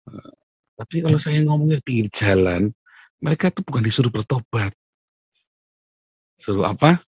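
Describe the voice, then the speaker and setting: A male pastor, preaching a lively morning devotional sermon, loudly acting out quotes and laughing often. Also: mid-range voice, moderate pace, husky, no room sound.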